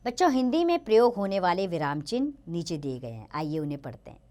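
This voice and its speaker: A woman's voice: lowish voice, sing-song, fast talker, mellow. A woman teaching a grammar lesson to children, reading example sentences aloud with sing-song emphasis.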